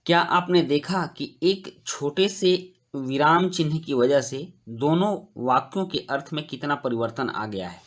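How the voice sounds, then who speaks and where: A man teaching a grammar lesson to young schoolchildren, explaining slowly and clearly and reading example sentences aloud. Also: on the high side, a bit bright. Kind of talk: Hindi grammar lesson for children.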